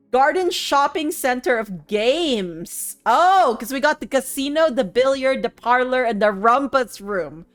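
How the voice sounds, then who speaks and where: A woman streaming a puzzle game, thinking aloud and chatting with her viewers in a sleepy, musing way. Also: on the high side. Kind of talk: casual gameplay commentary.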